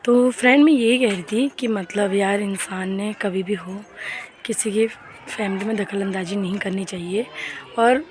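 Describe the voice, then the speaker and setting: A woman's voice: medium pitch, measured pace, slight background noise. A young woman talking earnestly to her viewers in a casual vlog while walking along a street, recorded on a handheld phone. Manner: earnest, complaining, repeats herself, addresses friends often. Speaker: vlogger.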